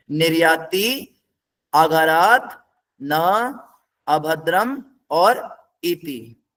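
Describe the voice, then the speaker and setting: A man with a high-pitched voice leads a scripture class. He breaks every word down step by step and stops often to quiz his students. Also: pushed and bright. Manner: patient, step-by-step explaining, quizzes the class.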